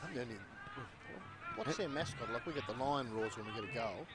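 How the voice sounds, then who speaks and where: A man's voice: medium pitch, expressive, a crowd in the background. A man with an Australian accent trading jokes as co-commentator at a school football match outdoors. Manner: quick, joking banter. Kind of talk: casual sports commentary. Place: outdoor sports ground. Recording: noisy outdoor livestream.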